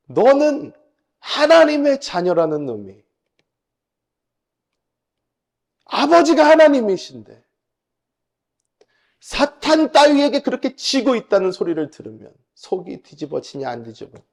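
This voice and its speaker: A man acting out his stern pastor father scolding his son in a gruff, firm voice. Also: on the high side, wildly swooping pitch, normal speed, exaggerated voice.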